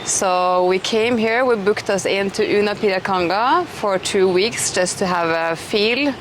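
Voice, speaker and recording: An unhurried, mid-range voice belongs to a chatty middle-aged Norwegian woman hosting a casual interview outdoors in an eco village. She's enthusiastic, often restarting and filling gaps with fillers, and the recording picks up plenty of outdoor noise.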